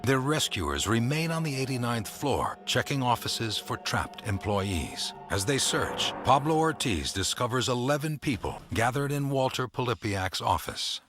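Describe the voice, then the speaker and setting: A man reads documentary narration with a grave, measured delivery. His mid-pitched voice moves a good deal from phrase to phrase. Music plays clearly underneath him. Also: sing-song.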